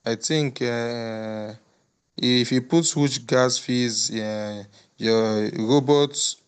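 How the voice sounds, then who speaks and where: A man's voice: medium pitch, drawn-out words, clean tone. A man moderating an online group call who gives advice in a hesitant way, full of fillers and restarts. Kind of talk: casual group call, closing remarks.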